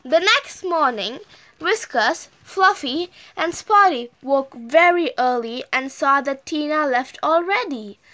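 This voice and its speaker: A woman reading a children's story aloud in an animated, sing-song manner. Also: high-pitched, takes it slowly.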